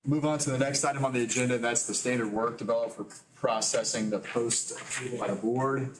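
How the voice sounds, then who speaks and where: A man chairing a public board meeting, moving the agenda along in a relaxed way. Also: mid-range voice, quick pace, recorded from a distance, slight background noise, rough recording. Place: meeting room.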